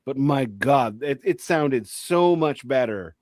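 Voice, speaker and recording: A man's voice: mid-range voice, expressive, takes it slowly, darkish tone, dry recording, studio quality. A man co-hosting a casual podcast chat, joking and cursing, often restarting his sentences. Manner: joking, profane, stammering restarts. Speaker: podcast co-host.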